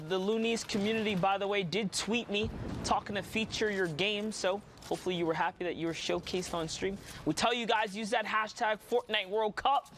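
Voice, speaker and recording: A man's voice: sits high, slight background noise. A man giving laid-back, chatty color commentary on a live esports match. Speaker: esports caster.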